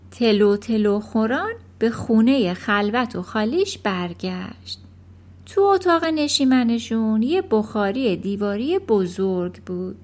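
Animated, high-voiced woman reading aloud. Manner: expressive, animated. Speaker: audiobook narrator. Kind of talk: children's storybook reading.

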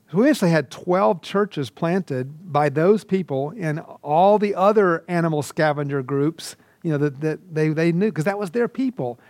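A middle-aged man from Georgia, teaching a recorded lesson and telling lively stories. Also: fairly high pitch, no room sound. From Georgia, USA. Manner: animated storytelling with asides. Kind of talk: recorded lecture.

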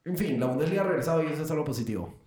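A man co-hosting a podcast, telling stories in a lively, joking way. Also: on the high side, racing, a little hiss or hum. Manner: animated, joking storyteller. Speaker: podcast co-host. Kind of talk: casual chat. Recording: roomy echo.

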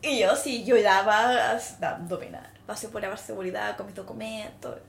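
A woman's voice: mid-range voice, fairly even intonation, moderate pace, vocal fry. A young woman with a Chilean accent, co-hosting a podcast and telling a story in casual chat, acting out quoted dialogue and swearing casually. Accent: Chilean Spanish. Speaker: podcast co-host. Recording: echoey room.

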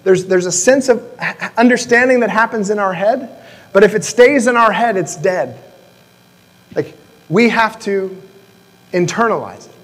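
A man's voice: sits high, animated, measured pace, pauses often. A male pastor preaching a sermon in a church, reading scripture and explaining it in a casual, conversational way. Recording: echoey church hall.

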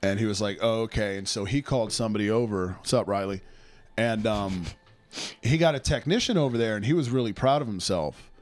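A man's voice: lowish voice, brisk. A man co-hosting a podcast, telling joking, profane stories in casual chat. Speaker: podcast co-host.

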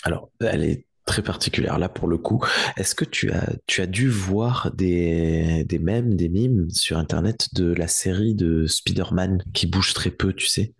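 Male podcast guest, very deep and husky, talkative explainer. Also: a little slow. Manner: explanatory, with frequent restarts. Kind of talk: casual chat.

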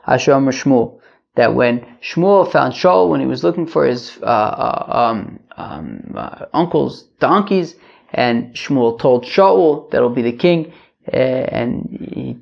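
A man's voice: mid-range voice, sing-song, takes it slowly, creaky. A man teaching religious texts in an informal, conversational and wry way, reading phrases and translating them line by line, often asking and answering his own questions. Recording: dull, muffled lo-fi sound.

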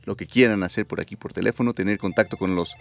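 A man's voice: on the low side, quick pace, gravelly. A man with a Mexican accent hosting a live radio show in a casual, chatty style. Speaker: radio host.

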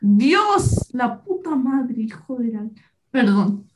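A young woman with a notably high voice co-hosts a casual podcast chat. She teases with quick asides, over a faint hiss of background noise. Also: big pitch swings. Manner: teasing, quick asides, curses playfully. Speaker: podcast co-host.

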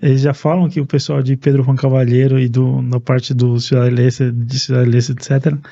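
A man from Paraguay, a Spanish speaker, chatting calmly and in a measured way as an interview guest. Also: mid-range voice, creaky, highs cut off. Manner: calm, measured speech. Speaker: podcast guest, neurosurgeon. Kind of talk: casual interview talk.

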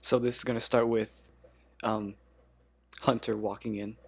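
A man's voice: on the low side, little pitch movement, measured pace, creaky, fairly bright tone, breathy edge. A man hosting a casual podcast game, explaining with many ums and laughing often. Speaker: podcast host.

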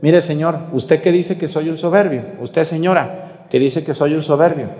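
Blunt Mexican priest scolding in a reverberant room. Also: male voice, on the high side, moderate pace. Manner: blunt, scolding, animated with rhetorical questions. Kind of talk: sermon during Mass, addressing viewers.

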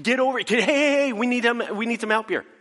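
A man's voice: fairly low pitch, animated, takes it slowly, sharp tone, full character voice. A man voicing a weary, exasperated fisherman in a retold story, with a long reverb on his voice. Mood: frantic shouting.

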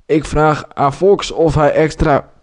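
A man voicing a male army captain who gives brisk orders, his voice raised a little above his own. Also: fairly high pitch, flat delivery, pitched above the performer's own voice. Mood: commanding.

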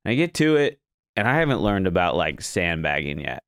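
Lively storytelling man, low voice. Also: fairly quick, dry recording, studio quality. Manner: animated, acts out his panic in raised voice. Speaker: guest chef. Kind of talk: casual storytelling.

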